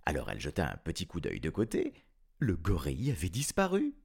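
A man narrating a children's tale with expressive, dramatic delivery. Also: deep voice, fairly quick, creaky, husky. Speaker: storyteller. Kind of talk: storybook narration.

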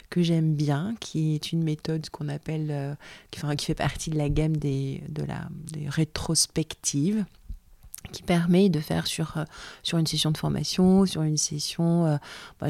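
A French woman in her forties hosts her own podcast alone. She talks in a low, warm voice, recorded dry and close. Her delivery is chatty and reflective, full of little hesitations and restarts. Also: no echo. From France. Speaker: podcast host, training business owner. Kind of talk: casual solo podcast talk.

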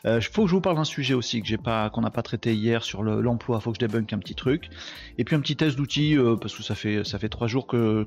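Tired guy chatting on his live stream, joking with viewers, bit muffled sound w/ soft music. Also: medium pitch. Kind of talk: casual live stream chat.

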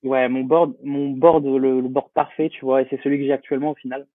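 A man's voice: medium pitch, little pitch movement, brisk, dry recording. A young man, a guest in a casual interview, talking with many fillers, hesitations and restarts over a remote call. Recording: tinny phone-like line, dry.

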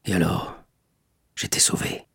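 A man's voice: unhurried, a bit bright, no echo, clean studio sound, lightly acted. A man doing a sepulchral old prisoner. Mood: despairing. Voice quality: low, sepulchral, muffled. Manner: questioning, terse, then despairing. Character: aged male prisoner, grave, weary, heard through a wall.

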